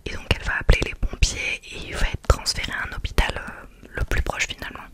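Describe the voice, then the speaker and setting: Whispering woman, hushed library ASMR. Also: fast. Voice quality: soft unvoiced whisper throughout. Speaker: ASMR creator reviewing books. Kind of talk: whispered ASMR book review.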